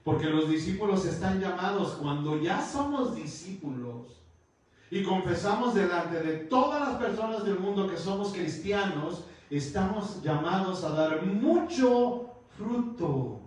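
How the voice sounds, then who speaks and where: A man's voice: sits high, expressive, a little slow, a little mellow. A man preaching a sermon as pastor, teaching and calling his listeners brother. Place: church hall. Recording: echoey hall, far from the mic.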